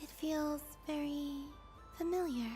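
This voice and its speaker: A high, slow female voice plays a serene young game character. She is soft and gently curious, with faint music behind her. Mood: calm, curious. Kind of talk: video game voice acting. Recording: background music.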